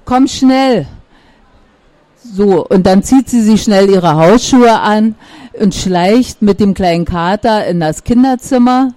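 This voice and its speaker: A woman reading a children's story aloud in a calm storytelling manner. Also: medium pitch, a little slow, no room sound.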